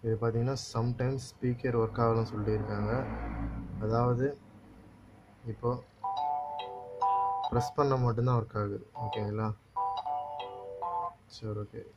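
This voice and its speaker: A man gives a casual, hands-on repair tutorial, going step by step and often checking that the listener is following. His medium-pitched voice is flat and measured, with long pauses, while loud music plays behind him. The audio is dull and lo-fi with faint noise.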